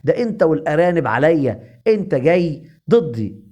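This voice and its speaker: A man's voice: on the high side, sing-song, a little fast, a little mellow. A man doing a furious Egyptian hunter. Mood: accusing. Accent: Egyptian Arabic. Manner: accusing, blustering. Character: furious adult male rabbit hunter.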